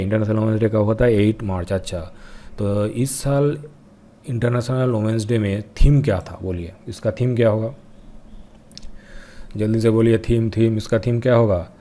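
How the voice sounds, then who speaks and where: A young man teaching an exam-prep quiz lesson, repeating each answer and pressing viewers to comment quickly. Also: fairly low pitch, dark tone. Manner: reads English questions out slowly. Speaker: current affairs teacher.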